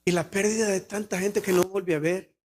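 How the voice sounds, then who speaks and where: High-voiced Salvadoran pastor preaching. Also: male voice, steady tone, a little fast, a little hiss or hum. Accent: Salvadoran Spanish. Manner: earnest, personal and confessional, rising to emphatic exclamations. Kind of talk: sermon. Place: church.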